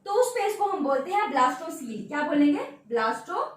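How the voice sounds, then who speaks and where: A woman biology teacher with a very high voice, lecturing and checking in with her students again and again. She is heard from a distance, in a strongly echoing room. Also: animated, fast. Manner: repeats key terms as questions and answers them; checks in often with tag words. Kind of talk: classroom lecture at a board. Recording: very echoey room, voice off-mic.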